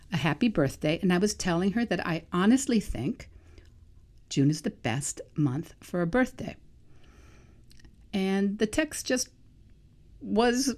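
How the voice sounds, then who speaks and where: A vegan life coach from New England, a woman in her sixties, reflects alone on her podcast in a mid-range voice with a dark tone. Her monologue is thoughtful and musing, and she often questions herself.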